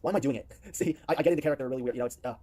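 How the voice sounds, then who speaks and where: On a laid-back stream, a man fields viewer questions in a fake British accent, talking very fast with a mellow voice of medium pitch. His in-character answers wander, packed with filler words and false starts.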